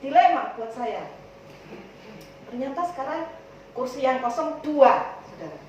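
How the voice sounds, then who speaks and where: High-voiced East Javanese woman pastor. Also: expressive, unhurried, slight background noise. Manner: chatty, addresses listeners as "saudara" constantly, acts out dialogues. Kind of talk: church announcements to the congregation. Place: church hall. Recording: echoey church hall from far off.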